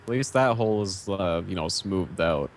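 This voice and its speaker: Low-voiced man cracking dry jokes. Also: animated, normal speed, slight background noise. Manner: dry joking asides. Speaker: co-commentator. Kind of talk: casual gameplay commentary.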